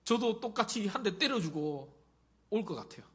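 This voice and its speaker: A middle-aged pastor preaching in a chatty, personal way and often turning to the congregation with questions. His voice sits a little higher than most men's. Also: big pitch swings, normal speed, fairly bright tone. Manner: conversational, asks the congregation questions. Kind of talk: sermon.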